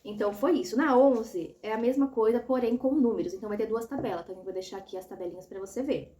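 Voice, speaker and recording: Woman teaching how to run a kids test, slightly high voice, keeps going "ok?" after each bit. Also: fast, mellow. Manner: patient, step-by-step, often checks in with "tá?" and "ok?". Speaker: educator explaining a child assessment. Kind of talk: instructional tutorial.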